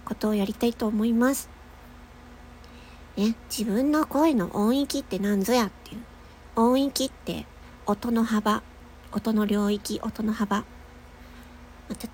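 A woman's voice: on the high side, a little mellow, slight background noise. A young adult woman with a nasal voice, giving a casual voice lesson while chatting, laughing often and demonstrating long sustained tones. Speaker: voice-training podcaster.

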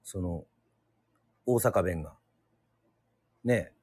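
A man from Yoron Island hosting a relaxed solo radio show. His voice sits fairly low, and he talks hesitantly, with lots of fillers and pauses. The sound is dry and close to the mic. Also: breathy edge, no room sound. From Yoron Island, Japan. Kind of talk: casual solo radio talk.

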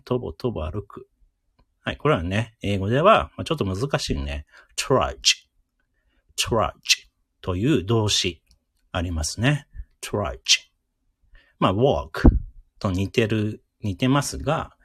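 Husky-voiced man drilling words. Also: on the low side, dry recording, studio quality. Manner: chatty and encouraging, repeats words slowly to drill them. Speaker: radio host teaching English words. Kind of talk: casual live radio lesson.

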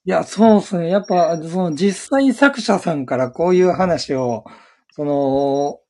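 A man with a fairly high voice joins a radio chat. He asks polite questions in a hesitant way, full of fillers. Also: measured pace, darkish tone. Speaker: co-host.

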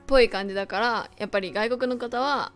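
A woman's voice: on the high side, quick pace, soft background music. A woman co-hosting a casual podcast chat, mostly agreeing but firing back playful comebacks. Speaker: co-host.

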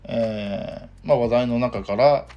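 A man's voice: mid-range voice, slow pace, muffled recording, soft background music. A man with a Kansai accent hosting a casual solo podcast, talking hesitantly with many fillers. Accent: Kansai Japanese. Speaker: podcast host.

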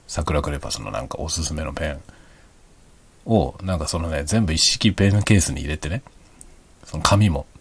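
A middle-aged man speaks in a hushed late-night voice, very deep and a little rough around the edges. He chats casually and explains things in a relaxed, easygoing way, keeping it quiet throughout. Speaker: hobby vlogger.

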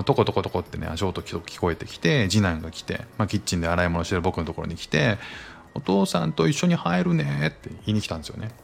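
Creaky-voiced man in casual podcast chat. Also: deep voice. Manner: rambling, relaxed storytelling with many fillers. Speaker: podcast host and father.

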